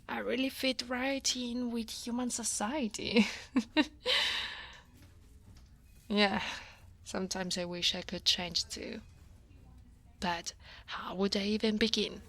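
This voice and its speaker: In this soft, frequently whispered ASMR roleplay, a woman from Italy voices a senior coworker who is a guarded, workaholic dragon woman. Her Italian-accented, mid-range voice is slow with many pauses, wistful, wry and self-deprecating, broken by sighs and soft laughs.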